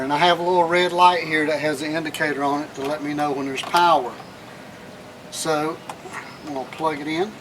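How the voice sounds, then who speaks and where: Background noise accompanies a man whose voice sits on the high side. He's a vlog host doing a casual how-to in and around a minivan, speaking plainly as he works with his hands and repeating his phrases often.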